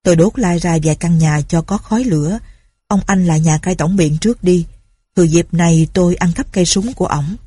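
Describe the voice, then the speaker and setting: A scheming old former pirate chief in a storybook, bossy and gruff, put on by a woman reader. He speaks in a low, warm, husky voice. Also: fairly quick, dry recording.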